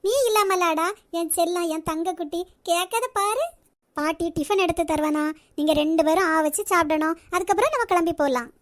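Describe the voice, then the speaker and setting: A woman's voice: very high voice, a little fast, dry recording, clean studio sound. A woman voicing a doting cartoon grandmother. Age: older. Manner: fussy, bossy and doting. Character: affectionate elderly grandmother, head of the family. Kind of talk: cartoon voice acting.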